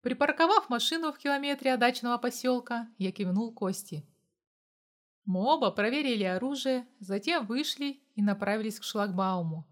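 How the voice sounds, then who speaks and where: A woman's voice: on the high side, normal speed. Woman narrating a survival audiobook. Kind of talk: first-person audiobook narration.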